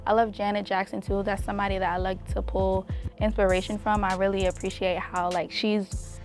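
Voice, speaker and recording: Young woman, singer, casual interview, relaxed filler-heavy talk, faint background music. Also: mid-range voice, fairly quick. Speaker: R&B singer, guest.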